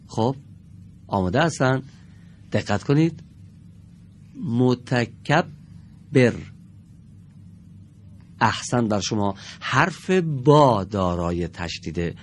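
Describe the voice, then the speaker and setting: A man teaching a televised reading lesson to children in a studio, patiently and slowly sounding out each word for his pupils. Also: on the low side, expressive, a little hiss or hum.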